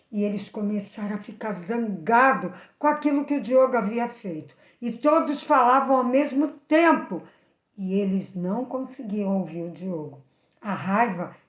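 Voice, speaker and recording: Woman, children's Bible storyteller, emphatic and measured, echoey lo-fi room. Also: medium pitch. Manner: slow, emphatic teaching tone with pauses. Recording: echoey, slightly dull home recording.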